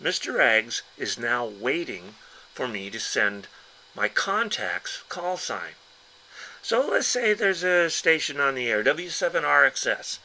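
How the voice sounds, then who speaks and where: Demonstrating a ham radio keyer, an instructor leads a hands-on tutorial in a bright, forward, mid-range voice whose pitch rises and falls animatedly. He speaks slowly, explaining casually and patiently one simple step at a time. The audio is poor, with slight background noise.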